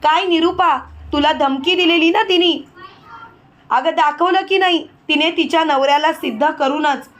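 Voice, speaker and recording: A woman's voice: sits high, moderate pace, a bit bright. A woman voicing a proud older father-in-law who boasts about his daughter-in-law.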